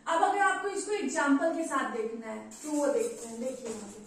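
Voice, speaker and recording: A woman's voice: high-pitched, fairly quick, a little hiss or hum. A woman teaching a maths lesson at a board, patiently asking questions and answering them herself. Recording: echoey room, voice from far off.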